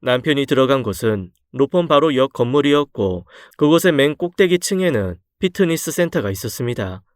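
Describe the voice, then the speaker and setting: A man reading a first-person story aloud in an expressive, earnest storytelling manner. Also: medium pitch, fairly quick, few pauses, no room sound, studio quality. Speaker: story reader.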